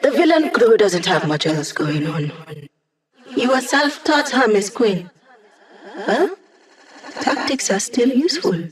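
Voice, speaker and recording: A woman voices a young hacker from a video game, playful and wry. She talks in casual, teasing banter, like tech support for a crew of villains, at ease with the jargon and quick to needle her teammates. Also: medium pitch, lightly acted. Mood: upbeat, focused. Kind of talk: video game character dialogue.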